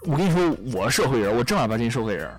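Young guy hosting radio, laughs at his own jokes, very lively pitch, soft music under it. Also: very fast, slightly rough. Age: young adult. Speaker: radio show host. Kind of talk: casual comedic storytelling.

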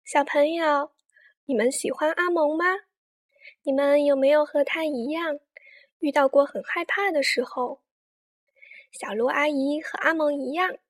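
A woman narrating a picture book for children as the show's storyteller, speaking gently and coaxing young listeners. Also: high voice. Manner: warm, coaxing tone addressing children.

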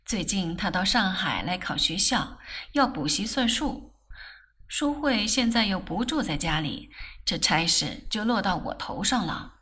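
A woman reading a novel aloud, voicing a gentle young man who teases softly in a lowered voice. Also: animated, unhurried, breathy edge, exaggerated voice. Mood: gentle teasing.

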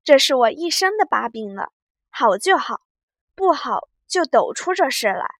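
A woman voicing a clever, sharp-tongued young maidservant in a read-aloud classic novel, talking in a teasing, sly way. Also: fairly high pitch, animated, a little slow, dry recording, clean studio sound.

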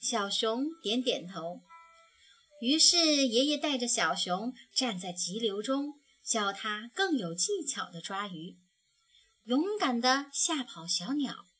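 A woman narrating a children's storybook in a soft, tender, slow manner. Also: fairly high pitch, big pitch swings, breathy edge.

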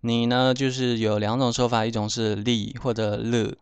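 Male language teacher, patient and repetitive, smooth resonant voice with a touch of fry. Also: medium pitch, little pitch movement, no room sound. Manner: slow, repeats words for learners. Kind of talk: explaining vocabulary pronunciation.

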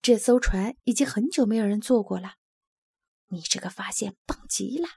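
A woman voicing a kind, steady young male polar bear cub in a storybook reading, gentle and reassuring. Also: mid-range voice, moderate pace, vocal fry, slightly rough, no echo, clean studio sound.

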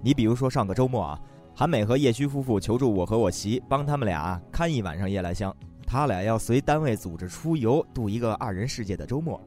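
A man with a Northeastern Mandarin accent hosting a radio comedy, telling stories in a teasing, lively way. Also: medium pitch, fairly quick. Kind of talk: comic storytelling. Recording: faint background music.

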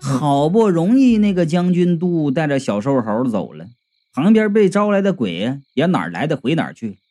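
A man telling a comic story, high-pitched and wildly expressive, tossing in exclamations. Faint music plays behind his voice. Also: normal speed. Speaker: narrator. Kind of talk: humorous storytelling audiobook.

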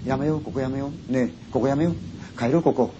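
A man voicing a frightened young woman who pleads in a hushed, tearful way, repeating herself. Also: a little high, animated, fast, lo-fi sound, noisy background, natural voice. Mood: scared pleading.

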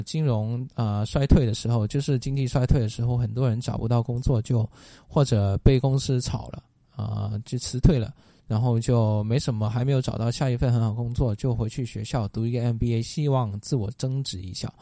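A man's voice: medium pitch, warm tone, no echo. Methodical male interview guest. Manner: explanatory, methodical, with many fillers. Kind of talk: casual interview answers.

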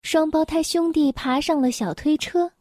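A woman reading a children's picture book aloud, gentle, clear and expressive. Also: sits high, normal speed, dry recording, clean studio sound. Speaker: storyteller.

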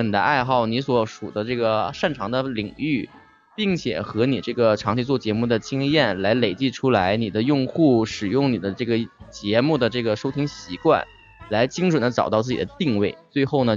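A man with a Northeastern Chinese accent talks as a guest podcaster. His voice sits at a medium pitch and his wording is colloquial and joking. Faint music runs underneath. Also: lo-fi sound. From Shenyang, northeastern China. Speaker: talk-show podcaster, guest instructor. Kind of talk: casual explanatory talk.

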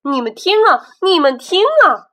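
A woman voicing a boastful male centipede who brags loudly and chants rhymes in a sing-song way in a storybook reading. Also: high voice, big pitch swings, a little slow, exaggerated voice. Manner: loud, gleeful bragging and sing-song rhyming. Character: boastful male centipede, a proud, cheeky pest.

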